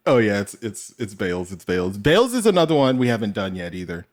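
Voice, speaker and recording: A man's voice: lowish voice, very animated, fast talker. A man hosting a reaction video, chatting casually, laughing often and swearing freely.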